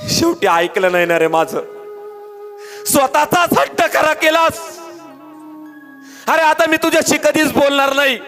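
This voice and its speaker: A man voicing a grieving warrior king who pleads with his fallen friend, in an impassioned, shouting oratorical manner. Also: very high voice, steady tone, normal speed. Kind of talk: dramatic storytelling oration. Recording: long hall reverb with faint music.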